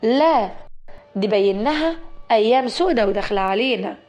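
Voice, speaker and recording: A woman's voice: fairly high pitch, animated, moderate pace, a little mellow, soft background music, lightly acted. Woman playing a jealous, taunting Egyptian young woman. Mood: spiteful. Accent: Egyptian Arabic.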